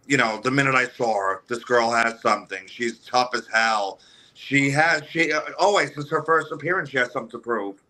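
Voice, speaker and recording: A man with a sharp, bright tone talks as a guest on a radio show. He rambles, restarts his sentences, and leans on "you know" as he praises and sizes up wrestlers. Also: medium pitch. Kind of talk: casual interview talk. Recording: remote call audio.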